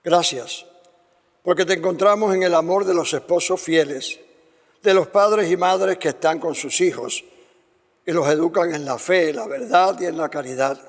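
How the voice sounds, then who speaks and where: A man, a priest leading Mass prayers in a measured, solemn way, heard through a long cathedral-like reverb. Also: fairly high pitch. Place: large church. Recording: voice in a long, echoing church reverb.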